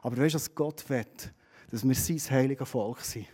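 A middle-aged man with a Swiss German accent preaching a sermon, telling stories animatedly and swinging between loud and hushed. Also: mid-range voice, moderate pace.

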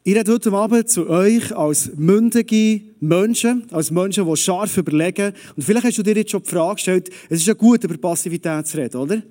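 A man preaching a lively, conversational sermon straight to the audience. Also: high voice, brisk, hardly any pauses.

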